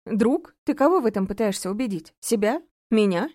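A cold, commanding middle-aged mother and judge in an audiobook, voiced by a woman reader. She talks sharply, with biting sarcasm, in a soft, mellow tone. The recording is close and dry. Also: medium pitch, expressive, brisk, no echo, close to an everyday voice. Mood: indignant.

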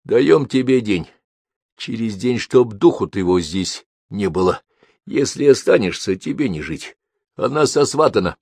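A man voicing a measured, stern father who calmly and firmly warns a stranger. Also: fairly high pitch, dry recording, studio quality, voice pushed up. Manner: calm, firm, weighty.

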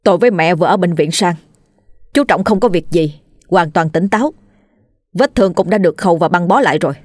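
A woman's voice: lowish voice, animated, a little fast, a little mellow, dry recording, clean studio sound. A woman voicing a hot-tempered young man who speaks heatedly and indignantly in defence of his family.

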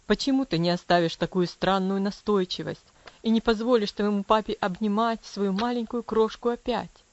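A woman voicing a strict, cold father who speaks in a low, commanding, measured voice in an audiobook. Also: highs cut off, natural voice. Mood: tender. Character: stern cold father, strict then tender.

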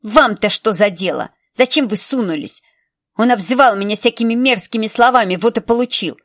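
A woman voicing a defiant, foul-mouthed teenage girl who yells when she talks. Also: moderate pace. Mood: sullen. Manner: shrill and yelling.

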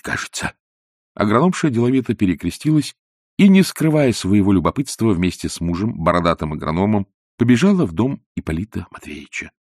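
A man narrating a literary novel as an audiobook, in a lively, theatrical storytelling manner. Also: sits low, no echo, studio quality.

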